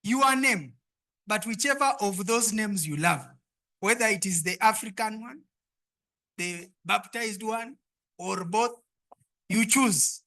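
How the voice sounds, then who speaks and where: A woman hosting a live pitch competition, exhorting the audience and repeating her instructions. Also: takes it slowly, long pauses, sharp tone. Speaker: event host and emcee. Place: live event before an audience.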